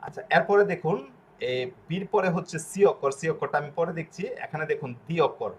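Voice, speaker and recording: A man's voice: on the high side, lively intonation, quick pace, slightly rough. A man teaching pronunciation step by step, patiently repeating syllables and asking checking questions. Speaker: language teacher.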